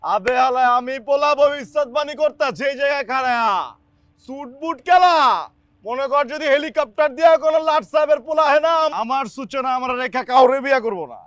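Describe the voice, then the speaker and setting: A man's voice: fairly high pitch, quick pace, no room sound, clean studio sound, close to an everyday voice. A man playing a brash lovesick Old tough. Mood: scolding. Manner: loud, swaggering, bullying. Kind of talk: TV drama acting. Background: music.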